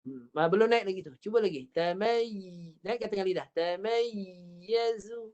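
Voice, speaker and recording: A woman's voice: mid-range voice, animated, darkish tone, lo-fi sound. Patient Malaysian woman teaching recitation. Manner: patient, demonstrates sounds slowly and repeats them. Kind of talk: online tajwid lesson.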